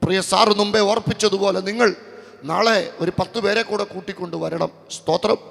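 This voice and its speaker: Kerala pastor, high gravelly voice, quick chatty stories that turn to slow forceful preaching. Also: male voice. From Kerala, India. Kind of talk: evangelistic sermon. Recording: long hall reverb.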